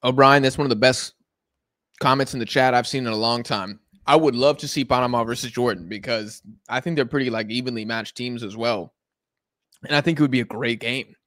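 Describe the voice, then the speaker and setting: Fairly quick and fairly bright, this mid-range American male voice is recorded dry at studio quality. He's kicking back on his couch hosting a live football watch-along, rambling and replying to chat comments in the moment.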